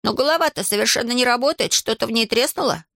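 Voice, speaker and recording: Whiny sly schoolboy for a storybook, read by a woman, higher than her own voice, dry close sound. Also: fast talker, gravelly, fairly bright tone, dry recording. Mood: sulky. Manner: whiny, wheedling, feigns weakness. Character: lazy cunning schoolboy, whiny and stubborn. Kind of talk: audiobook character voice.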